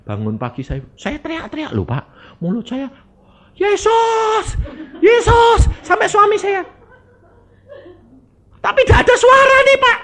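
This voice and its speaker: A man doing a shrill excited woman in falsetto. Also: measured pace, long pauses, full character voice. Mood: excited, insistent. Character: excited middle-aged woman, formerly mute, now talking.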